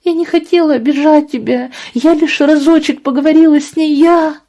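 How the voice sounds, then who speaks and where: A woman doing a tearful high little girl. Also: expressive, a little slow, warm tone, breathy edge. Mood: sobbing. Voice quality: high, pleading, on the verge of tears. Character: tearful young girl, the daughter.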